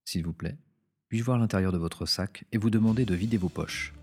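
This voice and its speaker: A man's voice: low-pitched, flat delivery, brisk, darkish tone, slightly rough, soft background music. A man voicing a composed male museum director who speaks courteously but firmly in an audiobook. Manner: courteous, firm. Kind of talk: audiobook character voice.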